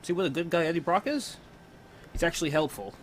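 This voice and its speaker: A man's voice: a little high, fast talker, a little hiss or hum. A young man hosting a watch-along, giving casual reaction commentary full of playful, joking asides.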